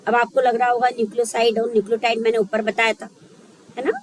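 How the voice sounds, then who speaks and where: A woman's voice: on the high side, flat delivery, fast talker, slight background noise, low-quality recording. A woman teaching a biology lesson for exam preparation, thinking aloud and checking in often with her students. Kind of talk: exam-prep lecture.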